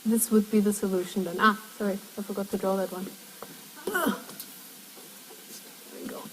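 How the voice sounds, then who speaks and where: A woman's voice: mid-range voice, steady tone, moderate pace, slight background noise. A woman lecturer in a classroom lecture, explaining step by step and putting questions to the class. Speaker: university lecturer. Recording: long echo of a lecture hall.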